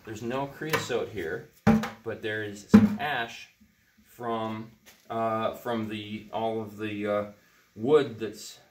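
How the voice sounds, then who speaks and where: Speaking slowly in a lowish voice with fairly even intonation, this middle-aged natural builder demonstrates a cob heater by dismantling it in a barn workshop. His explanation wanders and is thick with ums and uhs. Background noise and a roomy echo fill the indoor recording.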